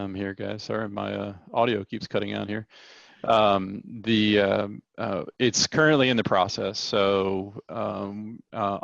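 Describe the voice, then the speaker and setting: Gravelly man on a dropping-out call line. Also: on the low side, fairly bright tone, dry recording. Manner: hesitant, many fillers. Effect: audio connection keeps cutting out. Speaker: webinar panelist. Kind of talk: technical answers on a live webinar. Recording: dull, dry online call audio with dropouts.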